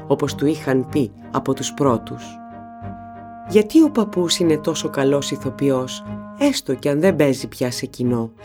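An expressive audiobook narrator with a mid-range voice, telling a family story in scripted narration. The reading leans into the boy's inner questions. A faint music bed plays beneath. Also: medium pitch. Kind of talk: scripted narration of a children's novel.

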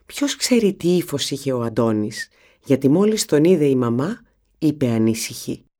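Expressive audiobook narrator. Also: mid-range voice. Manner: expressive, storytelling. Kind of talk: scripted narration of a children's novel.

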